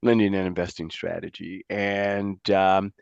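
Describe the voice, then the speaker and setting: A man speaks on a video call, hoarse from a cold. His very deep voice is gravelly. The sound is dull and dry. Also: little pitch movement, measured pace, no echo. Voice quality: raspy. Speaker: banker.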